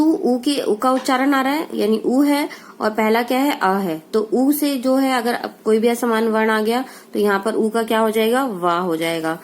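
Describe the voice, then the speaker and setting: A woman teacher giving a grammar lesson, asking questions and answering them herself, with a faint hiss behind her. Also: on the high side.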